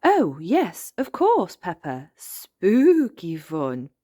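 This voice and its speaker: A woman's voice: a little high, very animated, slow, darkish tone, no room sound, studio quality, pitched above the performer's own voice. A woman voicing a kindly, doting old grandmother pig in a storybook read-aloud, sweet and gushing.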